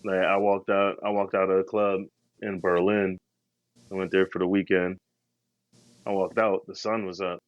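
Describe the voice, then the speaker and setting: A man's voice: low voice, flat delivery, moderate pace, pauses often, dry recording, highs cut off. A man co-hosting a podcast, telling travel stories in a slangy, laid-back, rambling way. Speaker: podcast co-host. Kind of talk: casual travel storytelling.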